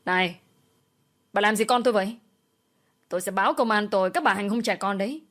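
An indignant young husband stands up for his wife, as a woman narrator voices him. He speaks forcefully, and his tone is hard and outraged. This is a dramatized storybook reading. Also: medium pitch, fairly quick, lightly acted. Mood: angry.

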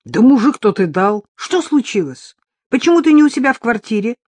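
Woman reader doing an eager male friend for an audiobook, exclamatory and lively, dry close sound. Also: a little high, a little fast, no echo, voice pushed up. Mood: overjoyed. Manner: exclamatory, excited. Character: cheerful loyal male friend on the phone.

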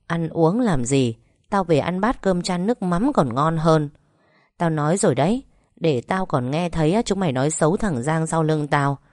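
A woman voicing a hot-tempered older mother-in-law who shouts and curses at her relatives. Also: on the low side, no echo, studio quality, lightly acted. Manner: shouting, cursing, bossy.

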